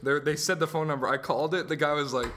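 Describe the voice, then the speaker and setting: Bright, excitable male podcast co-host. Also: fairly high pitch, a little hiss or hum. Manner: quick to react, swears and laughs. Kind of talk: casual chat.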